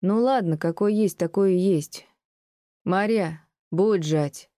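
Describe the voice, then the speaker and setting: A stubborn peasant man, blunt and resentful, snapping back in curt, gruff retorts, as a woman reader puts him on. The voice stays mellow and close to the mic in a dry recording. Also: on the low side, slow pace, no room sound. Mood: defiant. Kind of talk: audiobook reading of classic prose.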